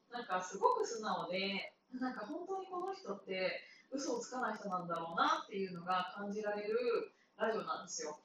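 Woman, 30s, solo podcaster, rambling and laughing, distant mic, heavy room echo. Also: medium pitch. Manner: chatty and rambling, often laughing. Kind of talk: casual solo talk. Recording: very echoey room, far from the mic, with noisy background.

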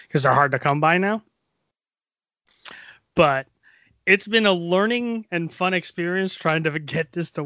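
A man's voice: a little high, pushed and bright, no echo, dull audio. A man with a nasal voice chatting casually as podcast co-host, rambling through stories with lots of fillers. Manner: rambling, loose storytelling with many fillers. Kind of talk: casual chat. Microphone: XLR microphone.

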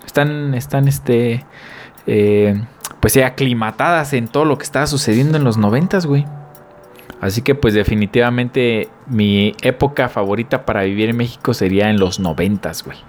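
A man's voice: mid-range voice, moderate pace, slight background noise. A Mexican man in his twenties chatting casually on a podcast like a laid-back bro, in slangy, crude talk. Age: 20s. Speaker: podcast co-host.

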